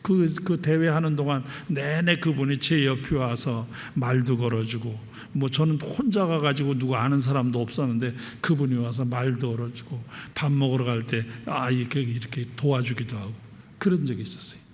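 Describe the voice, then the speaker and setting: A man's voice: medium pitch, fairly even intonation, moderate pace. A male pastor telling a story in a conversational sermon, with frequent interjections, building to fervent exhortation. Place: church sanctuary. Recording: reverberant church hall.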